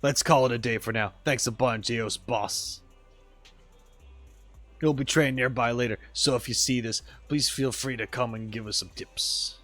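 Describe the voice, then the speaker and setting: A man's voice: mid-range voice, steady tone, measured pace, a bit bright, faint music behind, voice pushed down, close to an everyday voice. A man voicing a blustering male robot soccer coach who scolds and insults his player. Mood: scolding. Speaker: streamer reading game dialogue aloud. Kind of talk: voice acting game dialogue on stream.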